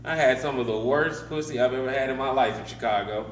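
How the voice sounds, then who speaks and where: A man's voice: mid-range voice, fast, slight background noise, close to an everyday voice. A man voicing a male state trooper in a joke, speaking bluntly and matter-of-factly. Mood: confiding. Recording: roomy club sound from far off.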